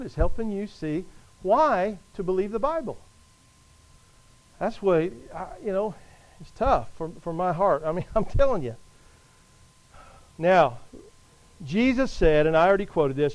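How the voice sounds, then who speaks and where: A man preaching a sermon to his congregation, emphatic, with conversational asides, slowing down to stress the verses he quotes. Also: high voice, darkish tone, rough recording. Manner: emphatic, rises and drops in volume, slows to stress scripture.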